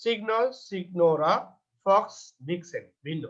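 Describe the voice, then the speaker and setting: A Bangladeshi man teaching English grammar in a recorded lecture. He reads textbook lines slowly, then explains them and answers his own questions. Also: high-pitched, a bit bright. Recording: dull lo-fi recording.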